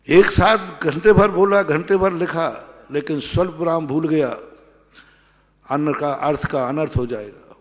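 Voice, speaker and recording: A male Jain monk delivers a sermon, slowing to repeat key phrases with strong emphasis. His voice sits somewhat high. It carries a long hall reverb. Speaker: Jain monk giving a discourse.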